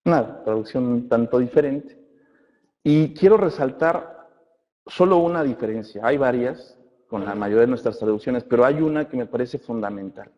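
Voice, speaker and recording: Male Bible class teacher, checks in with his listeners, long reverb, dull lo-fi sound. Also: mid-range voice. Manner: addresses listeners as brothers, asks checking questions; reads scripture aloud slowly. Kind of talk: church Bible class lecture. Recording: muffled recording in a reverberant hall.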